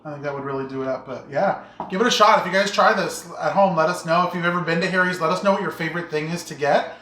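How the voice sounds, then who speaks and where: A relaxed cooking-show co-host chatting casually about a dish, trailing off with fillers. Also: medium pitch, fast, echoey room.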